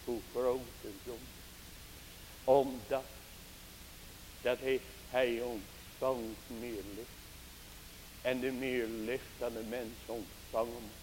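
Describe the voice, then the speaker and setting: A man preaching a sermon, slow and emphatic, drawing out his exclamations and speaking straight to the congregation. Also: mid-range voice, a little mellow. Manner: addresses the congregation directly. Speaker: pastor. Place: church. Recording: hissy 1980s church tape with long reverb.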